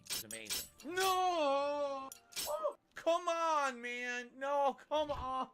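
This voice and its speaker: A man with a very high voice gives excitable, profane gameplay commentary, his pitch swinging widely and his delivery slow and drawn out. Loud outbursts and laughter break through, and a steady hiss of noise sits under his voice. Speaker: gameplay streamer. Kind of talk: swearing let's-play commentary.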